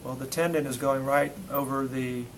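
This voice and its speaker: Speaking at a moderate pace in a steady, medium-pitched voice, an instructor leads a practical demo for his class. He coaches with brief, repeated commands and quizzes students between steps, recorded in a noisy classroom.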